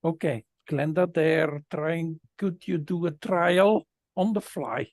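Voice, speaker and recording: A man giving an unscripted spiritual talk, halting and repeating words as he searches for phrasing. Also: a little high, darkish tone, no room sound, clean studio sound. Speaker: spiritual guest speaker.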